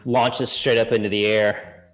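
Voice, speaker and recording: A man's voice: lowish voice, flat delivery, moderate pace. A man running a tabletop game as game master, narrating in a loose, hedging way and laughing often.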